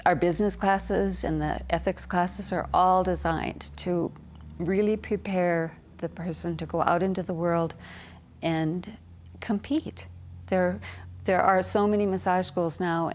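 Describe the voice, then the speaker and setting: Gravelly woman promoting her school. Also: lowish voice. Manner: warm, with hesitant fillers. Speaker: massage school staff. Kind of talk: promotional interview.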